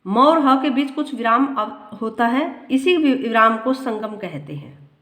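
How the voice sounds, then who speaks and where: A woman with a fairly high voice reads grammar notes aloud as a teacher. She often goes back over a line slowly to make it clear. The room around her echoes noticeably. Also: expressive, a bit bright. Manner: reads a line, then repeats it slowly to explain.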